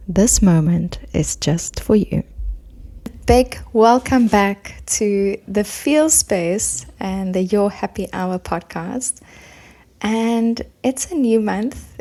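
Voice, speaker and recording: Gravelly, mellow-voiced woman podcast host. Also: medium pitch. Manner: upbeat, welcoming, rhetorical questions. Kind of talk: podcast intro and interviewing.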